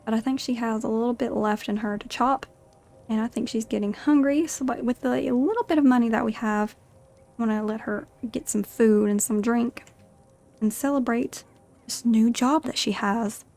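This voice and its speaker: A gamer narrates her video game playthrough with chatty, giggly commentary, role-playing along and voicing her character's feelings. Her voice is a little high with a darkish tone, at a normal speed.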